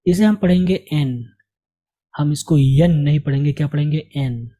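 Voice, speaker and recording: A man's voice: on the high side, normal speed, dark tone. A man teaching English letters in a patient, repetitive lesson, asking and answering his own questions. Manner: patient, repeats and asks questions to the learner. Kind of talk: slow spoken lesson.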